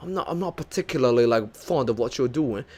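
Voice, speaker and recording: A man voicing a cocky young bloke in a clumsy imitation Liverpool accent, loud and exaggerated. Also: mid-range voice, lively intonation, brisk, natural voice. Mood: swaggering.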